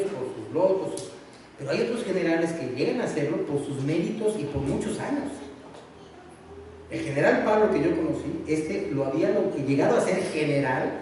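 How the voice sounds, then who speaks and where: A man preaching with a fairly high voice, recorded from a distance in a long, echoing church hall. He tells the story with humor and plays the characters' voices himself. A faint hum of room noise sits underneath. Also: a little mellow. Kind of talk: sermon.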